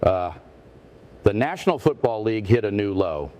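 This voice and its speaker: Man playing a parody news anchor, low voice, stiff formal delivery, indignant, repetitive, cable news comedy. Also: very animated, normal speed, dark tone. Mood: solemn, formal.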